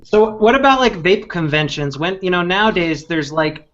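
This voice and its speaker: A man's voice: high-pitched, animated, moderate pace, fairly bright tone, dull audio. Curious man asking the panel questions. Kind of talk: casual chat.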